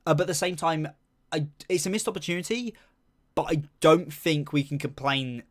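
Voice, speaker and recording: A man's voice: fairly high pitch, moderate pace. A young man chatting casually on a live stream, reading chat and rambling with lots of fillers while humming to himself.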